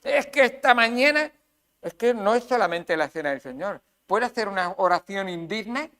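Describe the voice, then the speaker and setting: A man's voice: high voice, animated, moderate pace, sharp tone. A man with a Spain Spanish accent preaching a sermon as pastor, emphatic, with rhetorical questions and acted asides.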